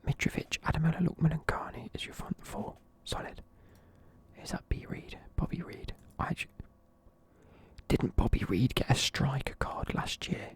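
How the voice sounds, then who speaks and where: A man's voice: fairly high pitch, expressive, normal speed, husky. A young man in a casual video, whispering sleepily as he reviews football teams and swears offhandedly. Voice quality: whispering throughout. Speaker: video creator.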